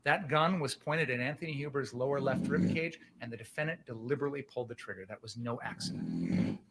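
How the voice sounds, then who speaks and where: A man's voice: medium pitch, big pitch swings, a little fast, gravelly, heavy background noise. A man speaking as a prosecutor, giving a passionate, emphatic closing argument to a jury, using pointed rhetorical questions and repetition.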